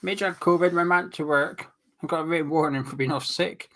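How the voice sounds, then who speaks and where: A man co-hosts a casual live football chat, reading out viewer comments and teasing his co-host in playful banter. His voice is a little high and fairly bright, steady in tone and fairly quick.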